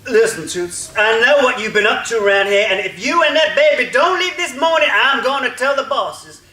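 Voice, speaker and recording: A sassy, indignant male housekeeper acted by a man with a very high, bright voice, scolding theatrically in a stage reading. The room is noticeably echoey. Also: lively intonation, normal speed, full character voice.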